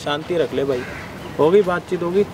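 A man in a staged social drama who steps in as a bystander, scolding roughly and swearing freely in an outdoor park. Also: on the high side, normal speed, music in the background. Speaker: host stepping in as a bystander.

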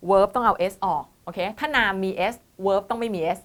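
A woman's voice: medium pitch, normal speed, fairly bright tone. A woman teaching an online English exam-prep lesson, mixing English terms into her explanations, patient and checking in often with her students. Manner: calls herself "teacher" and the students "child", mixes English terms into Thai. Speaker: IELTS tutor.

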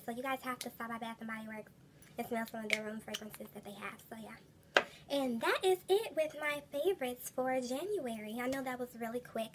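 A woman in her thirties with a congested, stuffy nose, chatting casually to camera as a beauty vlogger at home. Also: on the high side. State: a little under the weather with a stuffy nose. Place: small room at home, indoors. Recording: noticeable background noise, home recording.

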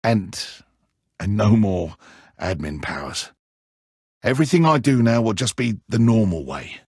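A man playing a petulant, theatrical video game villain stripped of his godlike powers, with a raspy, strained, melodramatic delivery. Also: fairly low pitch, big pitch swings, a little mellow, no room sound, clean studio sound, exaggerated voice. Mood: remorseful, subdued. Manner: melodramatic, drawn-out, emphatic. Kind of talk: dramatic animated game acting.

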